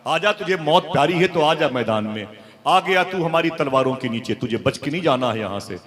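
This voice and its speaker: A man voicing jeering enemy soldiers who shout a taunting challenge at the door. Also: fairly high pitch, animated, fairly quick, in a large hall, pitched above the performer's own voice.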